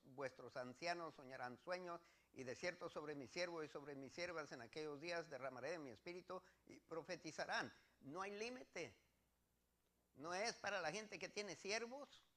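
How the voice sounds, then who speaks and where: Pastor preaching, higher voice. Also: male voice, fairly bright tone. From Mexico. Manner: preaches earnestly, reading and repeating scripture verses. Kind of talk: sermon.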